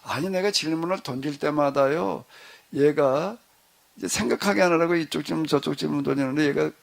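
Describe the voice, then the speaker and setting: A middle-aged male pastor telling a story to his congregation in a relaxed, conversational way, acting out the dialogue as he goes. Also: on the high side, a little fast, creaky. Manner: conversational, animated retelling with quoted dialogue. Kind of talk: storytelling in a church discussion.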